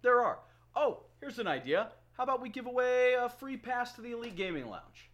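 High-pitched male host, loose and jokey, promo-style energy. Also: big pitch swings, brisk, fairly bright tone, lo-fi sound. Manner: laughing, joking, promo-style hype. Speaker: podcast host. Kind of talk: casual podcast chat.

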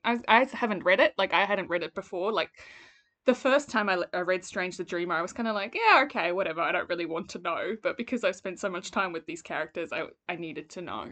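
A woman's voice: lowish voice, a little fast, a bit bright. A woman co-hosting a casual book podcast, talking informally with a wry, self-dramatising manner. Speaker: podcast co-host.

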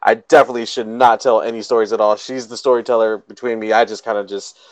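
A man's voice: lowish voice, level tone, fast talker, no room sound, low-quality recording. Rambling man telling a story. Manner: rambling storyteller, many ums and restarts; laughs often. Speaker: podcast co-host. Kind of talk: casual chat.

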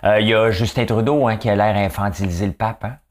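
Fast and steady in tone, a fairly low male voice carries a nasal Quebec French accent. As host, he runs a jokey, casual commentary monologue, peppering his talk with "hein" as he chats along.

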